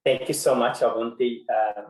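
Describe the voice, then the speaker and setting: A Bangladeshi man whose first language is Bengali is a guest speaker giving a webinar presentation, speaking in a measured way with frequent pauses and fillers. His voice is medium-pitched with fairly even intonation, and the sound is reverberant.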